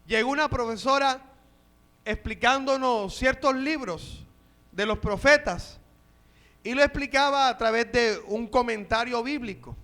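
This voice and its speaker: A man's voice: very high voice, measured pace, sharp tone. A male pastor with a Colombian accent preaching a sermon, telling a personal story and rising to fervent exhortation. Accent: Colombian Spanish.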